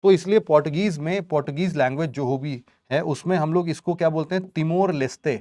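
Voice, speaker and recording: A man's voice: on the high side, a little fast, a little mellow. A man teaching a geography lesson in Hindi, casually quizzing his students with rhetorical questions and jokes. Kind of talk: online exam-prep lecture.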